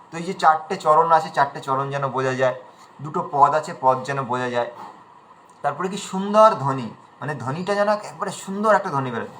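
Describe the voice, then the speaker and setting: A man teaching an online class on reciting Sanskrit verse, explaining slowly in a conversational way and chanting lines drawn out between his explanations. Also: a little high, fairly bright tone, poor audio.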